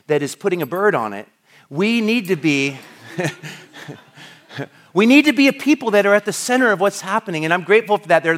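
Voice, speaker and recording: A middle-aged American pastor preaches in a conversational way, his voice on the high side and a bit bright. He often restarts sentences and uses plenty of fillers.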